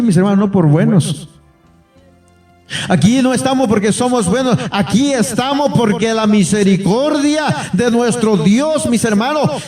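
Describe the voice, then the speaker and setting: A man's voice: sits high, a little mellow, far from the mic. A male pastor preaching a fervent sermon to his congregation, repeatedly calling them brothers and acting out pleas in a raised voice. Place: church hall. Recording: echoey room, off-mic, faint music.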